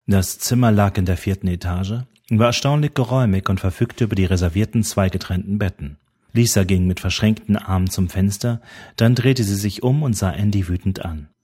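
A man narrating an audiobook in a steady, even storytelling manner. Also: fairly low pitch, brisk, husky.

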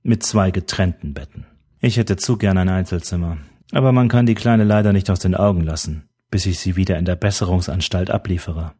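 A man reading an audiobook who voices a weary older journalist, calm and dry in manner. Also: deep voice, brisk, slightly rough. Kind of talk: audiobook character voice.

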